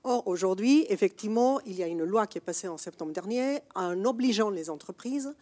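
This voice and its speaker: A woman from El Salvador asking a long, measured question from the audience. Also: mid-range voice, lively intonation, dark tone. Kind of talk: question from the floor.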